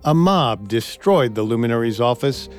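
A man's voice: medium pitch, expressive, normal speed. A man co-hosting a history podcast, reading a script and voicing quotes with drama. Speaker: podcast co-host. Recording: faint music bed.

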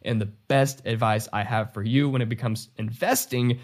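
A man's voice: medium pitch, steady tone, moderate pace. Congested young man giving direct, casual advice. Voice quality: congested, stuffy-nosed. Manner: casual, emphatic, addressing viewers directly. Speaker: YouTube host giving money advice. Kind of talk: direct-to-camera advice talk.

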